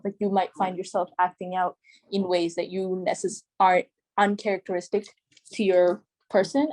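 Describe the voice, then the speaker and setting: A young woman from Canada speaks in a slightly low voice over a video call. She talks thoughtfully, filling her sentences with "like" and "um". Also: darkish tone, slight background noise. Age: young adult. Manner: thoughtful, many fillers like "like" and "um". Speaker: guest. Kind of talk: casual discussion.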